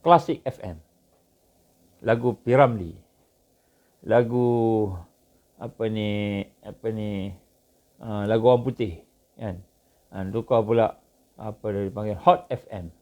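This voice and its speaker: A male Islamic preacher with a Malaysian Malay accent giving a religious lecture, firing off rhetorical questions and jumping suddenly between soft and loud. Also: steady tone, slow, long pauses. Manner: rhetorical questions, sudden swings in pitch and loudness. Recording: dull lo-fi recording.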